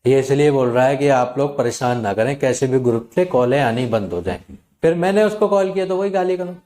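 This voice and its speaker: A man hosting his channel, talking casually and animatedly to viewers and acting out callers' lines in quick quotes. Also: medium pitch, animated, warm tone. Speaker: channel host advising viewers on loan recovery calls. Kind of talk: casual talk to camera.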